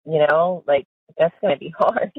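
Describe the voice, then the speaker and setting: A woman's voice: low voice, moderate pace, breathy edge. A woman chatting on a recorded prison phone call, giggly and full of fillers like "like". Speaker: caller to an inmate. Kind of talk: casual phone chat. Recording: tinny, dry phone line.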